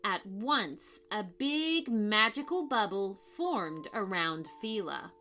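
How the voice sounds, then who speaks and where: A woman narrating a scripted children's story in an expressive, dramatic way. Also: mid-range voice, slow pace. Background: background music.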